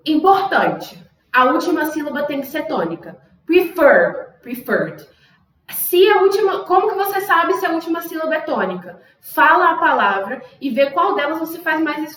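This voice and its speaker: A woman's voice: high voice, big pitch swings, normal speed, a bit bright, reverberant, recorded from a distance, rough recording. A young woman teaching an English lesson, explaining a rule patiently and saying example words again and again with exaggerated stress. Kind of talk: online language lesson.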